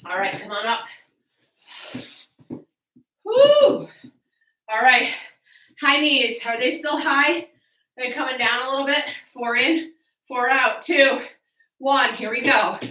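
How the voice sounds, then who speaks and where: A woman's voice: high-pitched, unhurried, sharp tone. A woman fitness coach leading a workout, giving encouraging cues, instructions and countdowns. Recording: roomy echo, distant from mic.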